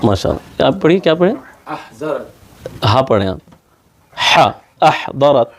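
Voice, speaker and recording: A man's voice: medium pitch, very animated, a crowd in the background. A man teaching Quran pronunciation in a classroom, patiently repeating sounds over and over to demonstrate them.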